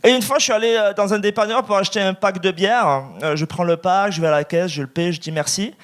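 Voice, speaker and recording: A man with a high voice tells a stand-up story, pausing before each punchline. He talks to the audience in a relaxed, confiding way. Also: clean tone. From immigrant to Quebec. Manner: storytelling, with timed pauses. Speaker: stand-up comedian. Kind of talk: stand-up routine.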